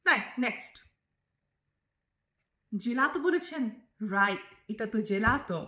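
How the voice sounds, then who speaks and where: A woman's voice: a little high, lively intonation, unhurried, bright, forceful tone, roomy sound. A woman teaching Italian pronunciation, drilling letters and syllables one at a time. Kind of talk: pronunciation lesson.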